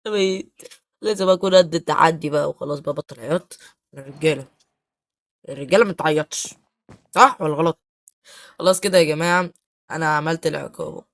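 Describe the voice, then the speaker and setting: A young man with an Egyptian accent talks his way through a game in a casual, chatty manner. He turns melodramatic at the drop of a hat, wailing and pleading in mock despair. His voice leaps up in pitch and loudness when he complains, then drops back to a low mutter. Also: fast, creaky, long pauses, dry recording. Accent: Egyptian Arabic. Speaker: gaming YouTuber. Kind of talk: casual gameplay commentary.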